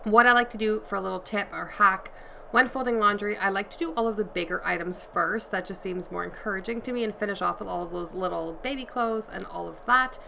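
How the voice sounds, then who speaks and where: Thirtysomething mom chatting while she folds laundry, kinda gravelly voice, bedroom camera sound. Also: mid-range voice, brisk, slight background noise, rough recording. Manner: chatty, relaxed, explains as she works. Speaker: vlogger and mother. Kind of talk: casual chat while cleaning. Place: home bedroom, indoors. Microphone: camera on a tripod across the room.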